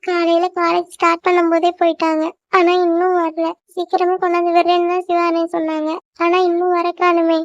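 A woman voicing a young cartoon wife who pleads and gets upset easily, with a whiny, squeaky voice. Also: completely flat delivery, brisk, hardly any pauses, dry recording, dull audio. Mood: worried.

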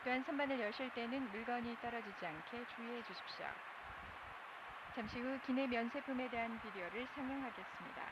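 Muffled, noisy announcement by a higher-voiced Korean woman. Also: fairly quick. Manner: formal, courteous phrasing. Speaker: airline cabin manager. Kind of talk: scripted in-flight announcement. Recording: muffled cabin PA, loud ambient noise. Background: aircraft cabin noise.

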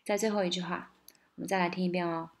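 Woman teaching song lyrics, chatty and quick, then sings lines slow. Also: fairly low pitch, fairly even intonation. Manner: explains briskly, then sings phrases slowly with rising stress. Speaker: English song tutor. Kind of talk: casual spoken lesson, singing lyric lines slowly.

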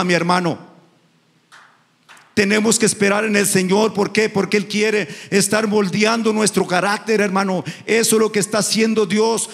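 Male preacher, middle-aged, gravelly high voice, fervent sermon, echoing hall. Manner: impassioned, repeats "hermano" often; rises into sung, shouted cadences. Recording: echoey hall reverb.

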